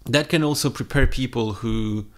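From a small indoor home studio, a man in his thirties chats casually and without a script, like a music vlogger talking to camera. His mid-range voice moves at normal speed, picked up close by a boom-arm microphone.

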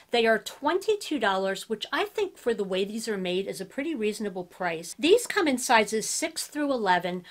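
A woman in her fifties, a fashion vlogger, chatting upbeat through a product haul in a room at home. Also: medium pitch. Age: 50s.

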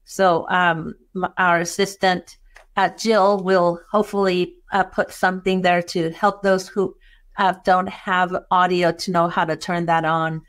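Speaking low, level and unhurried, this middle-aged woman from Chile presents a bookkeeping webinar on a video call. Her Chilean Spanish accent has some Texan mixed in, and her warm, inviting delivery is sprinkled with frequent fillers.

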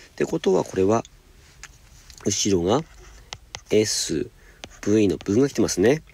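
A man teaching high school English, patiently explaining homework step by step and reading example sentences slowly. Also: darkish tone, a little hiss or hum. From Japan.

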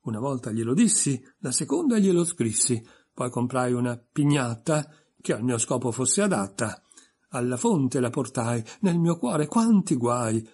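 A man's voice: medium pitch, big pitch swings, unhurried, darkish tone, breathy edge. A man reading an audiobook voices a pompous, stern egg creature reciting verse.

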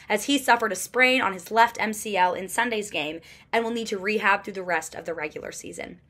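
A young woman in her twenties reading a scripted postgame sports report, steady and clearly paced, recorded in a small room at home. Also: medium pitch.

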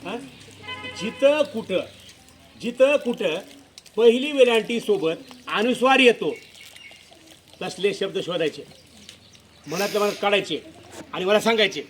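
A man's voice: high voice, lively intonation, a little slow, pauses often, slight background noise. A male school teacher giving a classroom lesson to children, repeating questions and coaxing pupils to answer. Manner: repetitive questioning, coaxing pupils with filler prompts.

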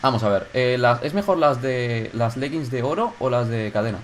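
Excitable gamer narrating his game. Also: mid-range voice, normal speed, slight background noise. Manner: excitable, swears, shouts when startled. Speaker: gaming YouTuber. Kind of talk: casual gameplay commentary.

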